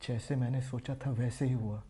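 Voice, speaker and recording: A man performing an audition monologue as an obsessed young man who kills his family, in an intense, brooding delivery that slowly turns unhinged. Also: medium pitch, steady tone, mellow, breathy edge, close to an everyday voice. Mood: obsessive. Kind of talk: dramatic monologue.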